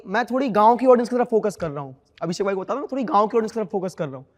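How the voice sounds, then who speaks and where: A man's voice: sits high, lively intonation, racing, a little mellow, in a large hall. A man doing a self-deprecating stand-up set on a comedy show stage.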